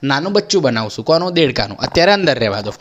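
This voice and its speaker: A man's voice: medium pitch, big pitch swings, rapid-fire, highs cut off, a little hiss or hum. A young man with a Gujarati accent teaching an exam-prep biology lesson, asking questions and answering them himself, repeating each key term. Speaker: biology tutor.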